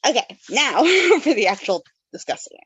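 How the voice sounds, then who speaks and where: A woman's voice: a little high, sing-song, moderate pace, a bit bright, husky, dry recording. Woman host chatting in a dry room. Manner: reads background notes, then chats with yawns and laughs. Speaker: podcast host. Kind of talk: casual book club chat.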